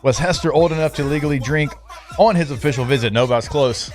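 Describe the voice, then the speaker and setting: A man hosting a live sports radio talk show from a studio, chatting in a relaxed, joking way with plenty of fillers. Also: fairly high pitch, quick pace, faint music behind.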